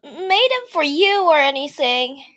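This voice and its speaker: A shrill, snappy tsundere schoolgirl, put on by a woman reading a visual novel aloud, stammering as she denies everything. The voice jumps high and loud and swings wildly. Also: sing-song, moderate pace, muffled recording. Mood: defensive. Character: bratty tsundere schoolgirl baker, defensive.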